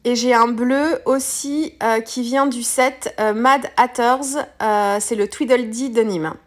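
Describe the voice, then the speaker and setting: A woman with a voice a little higher than most talks through a craft project step by step. Her delivery is relaxed and unscripted. She pauses often with fillers and restarts her sentences as she works. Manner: hesitant, frequent fillers and self-corrections. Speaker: craft tutorial presenter. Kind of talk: casual step-by-step demonstration.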